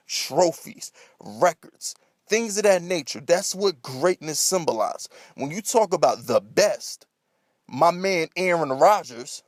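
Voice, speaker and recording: High-voiced man on an exasperated comedic rant. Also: no echo, clean studio sound. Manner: ranting, escalating, comedic exasperation; heavy swearing. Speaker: sports commentator. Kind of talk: freestyle sports rant.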